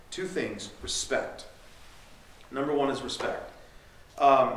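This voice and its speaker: Male pastor, sermon delivery, earnest and direct, slightly high pitch; echoey distant room sound. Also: a bit bright. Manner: direct and earnest, acts out parents and kids.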